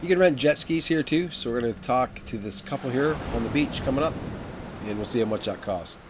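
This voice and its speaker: A man's voice: mid-range voice, animated, fairly quick. A man giving a conversational, informal travel vlog narration in a walk-and-talk style. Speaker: travel vlogger. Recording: noisy outdoor audio with ambient sound.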